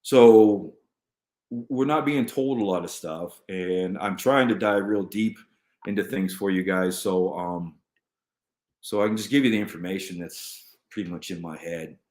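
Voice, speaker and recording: A man with a lowish voice chats loosely on a live stream, drifting from point to point and restarting his sentences. His computer mic picks up a roomy echo. He answers viewer comments as they come in. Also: unhurried, darkish tone. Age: adult. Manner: rambling, jumps between topics with many restarts. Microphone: computer mic at a desk.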